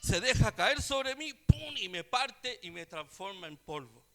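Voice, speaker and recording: A man voicing a plain-spoken talking rock in a sermon parable, speaking slowly and low. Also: sing-song, fairly bright tone, heavily acted. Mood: matter-of-fact.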